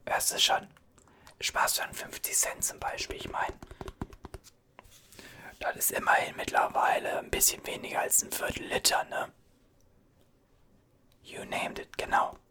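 A man whispering as a chatty, soothing gas station cashier in an ASMR roleplay, reassuring and rambling. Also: pushed and bright.

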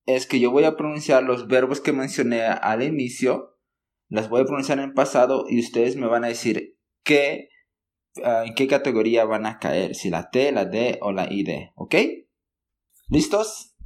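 Slow, patient male language teacher. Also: medium pitch. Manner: patient, checks in often with "ok?"; models words slowly for learners. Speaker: English teacher. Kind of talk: explanatory language lesson.

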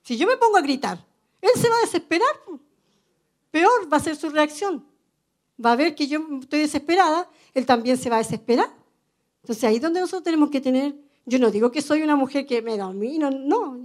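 A woman with a Chilean Spanish accent and a high, somewhat dark voice preaches a sermon to an audience of women. Her tone is earnest and conversational as she shares personal stories, regularly adding "amen."

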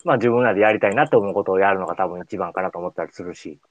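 A man's voice: low-pitched, rapid-fire, dry recording, muffled recording. A man with a Kansai accent hosting a radio show in casual, colloquial chat. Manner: informal, colloquial.

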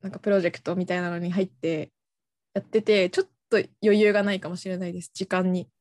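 A young woman in a casual chat who asks friendly questions and often chimes in with quick agreement. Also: lowish voice, steady tone, darkish tone, no echo, clean studio sound. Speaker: conversation partner.

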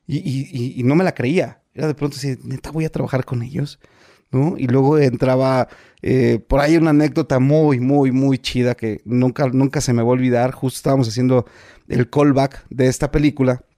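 A man in his forties with a Mexican accent, an actor telling stories in a relaxed interview, full of fillers and repeats. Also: mid-range voice, brisk, no room sound, clean studio sound. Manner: colloquial, many fillers and repeats. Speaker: actor guest. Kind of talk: casual interview storytelling.

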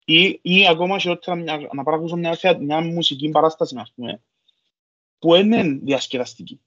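A man speaks in a somewhat high voice with a Cypriot Greek accent. He talks in a loose, colloquial podcast style, leaning on repeated filler phrases. The recording is a little muffled. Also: fairly bright tone. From Cyprus. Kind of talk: casual podcast conversation.

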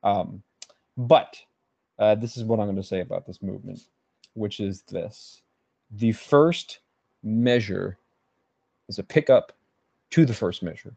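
Pausing often and speaking a bit slowly, a co-host with a fairly low, dark, husky and creaky voice muses about music theory in a casual podcast chat, hedging and restarting along the way. The lo-fi audio has no room sound.

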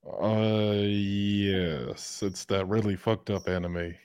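A man hosting a podcast in casual commentary, blunt and profane, breaking into loud laughter. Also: fairly low pitch, fairly even intonation, slow, smooth, no room sound, clean studio sound. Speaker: podcast host.

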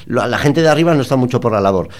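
Male podcast host from Spain, comic storyteller, animated, with a wide-ranging pitch. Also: racing. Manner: animated, mock-indignant anecdote telling with laughs.

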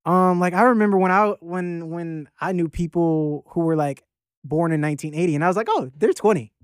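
A man's voice: on the high side, steady tone, brisk, clean tone, no echo, clean studio sound. Talkative rapper, a man around thirty. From Baltimore, Maryland. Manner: loose and rambling, many fillers and restarts, swears casually. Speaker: guest rapper. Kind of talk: casual interview chat.

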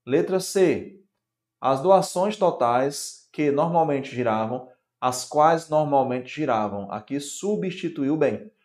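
A man's voice: a little high, animated, slow, a little mellow. A man teaching Portuguese grammar in an exam-prep lecture, explaining step by step and checking in with short questions. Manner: explanatory, constant check-ins like "tá?" and "certo?".

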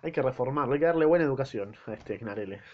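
A man's voice: mid-range voice, expressive, fast talker, muffled recording. Crude joking Argentine man. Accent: Argentine Spanish. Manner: crude, joking slang asides. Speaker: reader of a play. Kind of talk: casual play reading with commentary.

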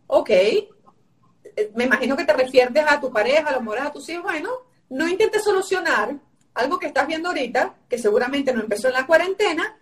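A woman's voice: sits high, expressive, brisk, distant mic. A woman giving emphatic, repetitive advice on a live stream, her voice tired and sore-throated. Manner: emphatic, repetitive teaching phrasing. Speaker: guest coach.

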